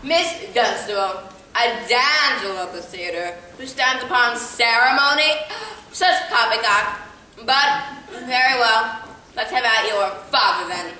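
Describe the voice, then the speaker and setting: A woman playing a rotund, pompous, flamboyant Victorian actor, a gentleman with florid, grandiose theatrical delivery. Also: fairly high pitch, expressive, unhurried. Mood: haughty, jovial. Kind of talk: theatrical stage comedy acting. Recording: echoey, distant, noisy amateur stage recording.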